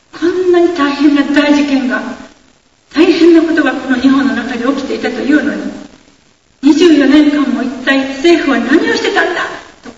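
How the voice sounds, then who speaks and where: An older woman giving an earnest, emotional public speech as a speaker for a group of families. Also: a little high. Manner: earnest and pleading, sometimes quotes others loudly. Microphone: far from the microphone. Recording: distant, echoey hall, dull with hiss.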